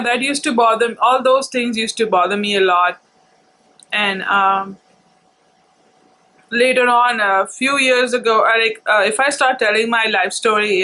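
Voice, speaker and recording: A woman vlogger telling personal stories casually, in a halting, reflective, unhurried way. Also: mid-range voice, pushed and bright, rough recording.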